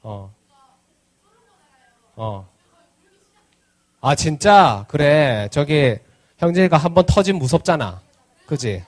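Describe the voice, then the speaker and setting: A man's voice: fairly high pitch, sing-song, takes it slowly, pauses often. A man giving an interactive children's sermon at a church service, teasing the kids playfully and asking them lots of questions. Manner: asks the children many questions. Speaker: children's pastor.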